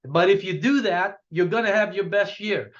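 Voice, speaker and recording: A man's voice: sits high, normal speed, a bit bright, highs cut off. A man giving a punchy motivational talk to a sales team, repeating himself and asking "okay?" after each point. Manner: punchy, repetitive, asks "okay?" a lot. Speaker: business coach.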